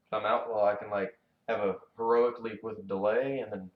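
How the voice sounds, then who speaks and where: A man ranting about a video game, angry and sarcastic, swearing a lot and jumping up in pitch when exasperated. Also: flat delivery, brisk, narrow, tinny audio, a little hiss or hum. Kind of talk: profane gaming rant.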